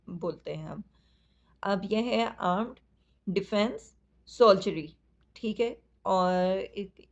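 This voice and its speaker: A woman teacher with a Pakistani accent, patiently explaining a lesson to children, talking slowly and addressing them directly. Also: medium pitch. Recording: dull lo-fi recording.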